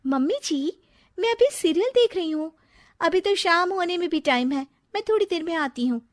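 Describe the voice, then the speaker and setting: A sharp-tongued young daughter-in-law from a cartoon talks back with cheeky sarcasm, as a woman voices her. Her voice sits high and leaps all over, recorded dry and close with no room sound. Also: expressive, moderate pace, dry recording. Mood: sassy. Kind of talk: cartoon voice acting.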